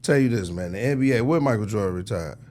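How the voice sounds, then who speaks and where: This interview guest, an American music industry executive, talks fast in a fairly low, darkish, expressive voice. His advice is casual, emphatic and preachy, and he often uses tag questions to check he's being followed.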